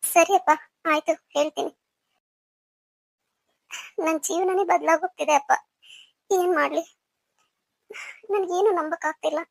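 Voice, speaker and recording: A woman's voice: very high voice, fairly even intonation, a little slow, vocal fry, long pauses, dry recording, exaggerated voice. A woman playing a hurt young wife who speaks in a pleading, emotional way. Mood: subdued.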